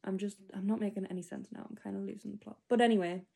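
Young woman, 25, mellow voice, rambling diary-style monologue, lots of fillers. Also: mid-range voice, level tone, racing, gravelly, husky. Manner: rambling, filler-heavy casual talk. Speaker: podcast host.

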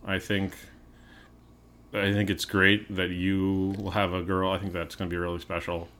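A young man hosting a podcast in casual chat, rambling with many fillers and getting loud when emphatic. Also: low-pitched, flat delivery, normal speed. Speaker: podcast host.

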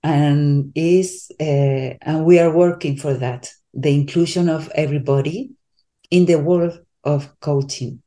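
Spanish-accented woman coach, slow and halting, warm mellow tone, casual interview guest. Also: deep voice, steady tone. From Spain. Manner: halting, searches for English words, many restarts.

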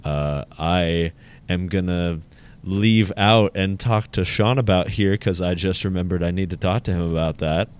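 Low and smooth, a man's voice moves a little slowly as he co-hosts a personal finance podcast in casual chat. His style is joking and self-deprecating, rambling along with restarts.

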